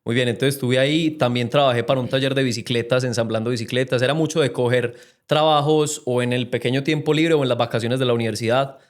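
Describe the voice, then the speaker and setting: A man's voice: mid-range voice, fairly even intonation, quick pace, hardly any pauses. A young man with a Medellín Colombian accent, a podcast guest who talks about his life in an earnest, reflective way. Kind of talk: casual interview chat.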